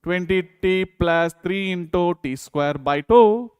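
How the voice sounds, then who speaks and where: High-voiced Indian male physics teacher. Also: slow, darkish tone, clear, resonant tone, no room sound, clean studio sound. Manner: repetitive check-in questions to students. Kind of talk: exam problem walkthrough, lecturing.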